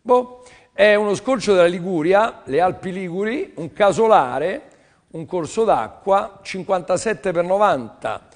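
An older man hosting a live art sale on television, talking in a chatty, teasing, rambling sales patter. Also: fairly high pitch. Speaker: TV art auction seller.

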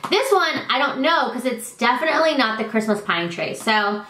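Stuffy with allergies, a thirtysomething product vlogger and consultant chats to camera from her living room about what she sells, joking at her own expense and speaking warmly to her child. Her voice is a little high and animated at a normal pace, and the low-quality recording is reverberant.

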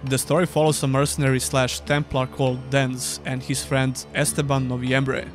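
A man's voice: medium pitch, level tone, moderate pace, soft background music. A young man giving a scripted, dryly sarcastic voice-over review of an old game. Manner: dry, sarcastic. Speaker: gaming YouTuber.

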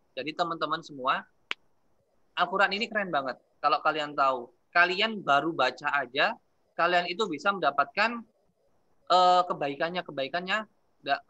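A man's voice: fairly high pitch, sharp tone, highs cut off. A man, giving a casual classroom religious lesson, telling stories and asking his students questions. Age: 20s. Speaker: teacher.

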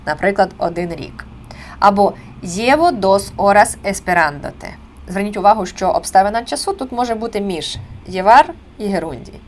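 A woman in her thirties teaching Spanish grammar in an online lesson. She explains step by step and stresses key words with a lively voice. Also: medium pitch, moderate pace, slight background noise. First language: Ukrainian.

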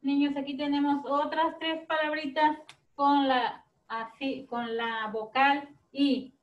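Woman teacher, high voice, very slow gentle pace, off-mic in an echoey room. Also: little pitch movement. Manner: very slow and gentle, explaining to small children. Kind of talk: children's phonics lesson video. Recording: roomy, distant, lo-fi classroom audio.

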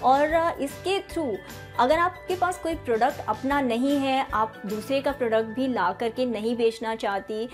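High-voiced woman explaining to camera. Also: measured pace, faint music behind. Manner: friendly, direct address with frequent fillers. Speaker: channel host explaining online selling. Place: indoor room with bookshelves.

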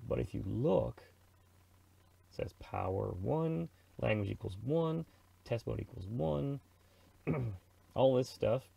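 A middle-aged Canadian man presents a radio software tutorial as a casual screen recording, talking in a chatty, slangy way and narrating his own thoughts. His mid-range voice is gravelly, mellow and expressive, with a breathy edge, a slow pace and long pauses, and there's no room sound.

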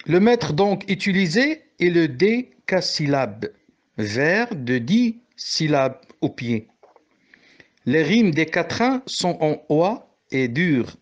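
A man's voice: fairly high pitch, lo-fi sound. A man from Morocco teaching a French poetry lesson, explaining step by step and correcting himself as he goes.

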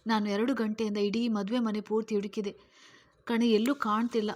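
A woman's voice: medium pitch, flat delivery, normal speed, darkish tone, natural voice. A woman voicing a distraught middle-aged mother who talks while crying, fretful and pleading, in a read-aloud story. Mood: tearful.

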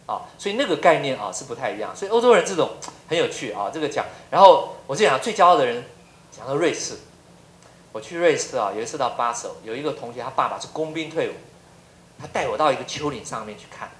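A man's voice: medium pitch, animated, fast talker, fairly bright tone. A middle-aged man from Taiwan, a professor giving a lecture full of humorous anecdotes and rhetorical questions. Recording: roomy lecture hall.

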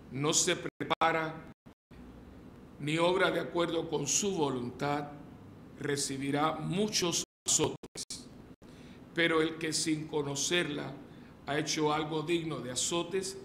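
A man's voice: on the high side, a bit bright. An older man, a priest, reading the Gospel and then giving a loose, conversational sermon at a lectern mic in a large church. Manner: conversational preaching with frequent restarts and fillers. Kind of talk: sermon at daily Mass. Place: large church with painted mural, indoors. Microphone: stand mic at lectern. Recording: echoey church hall with faint noise.

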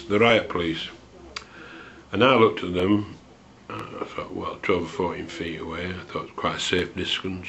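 A man in his sixties telling a personal memory, unhurried and hesitant, with a dry, wry humour. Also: deep voice, fairly bright tone. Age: 60s. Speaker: storyteller recalling a student memory. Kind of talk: unscripted spoken memoir. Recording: dull lo-fi home recording.

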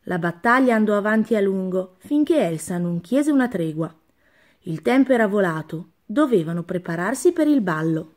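A woman's voice: medium pitch, expressive, moderate pace, a little mellow. Woman reading a children's story.

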